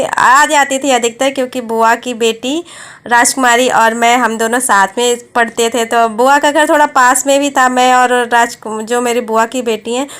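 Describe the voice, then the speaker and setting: A woman's voice: on the high side, fairly bright tone, clean tone. A woman in her thirties narrating a casual family vlog, chatty and addressing her viewers directly. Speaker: vlogger.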